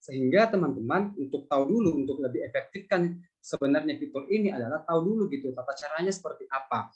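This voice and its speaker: A man's voice: fairly high pitch, dull audio. A male lecturer answering student questions in a conversational public lecture, with many fillers and repeated phrases.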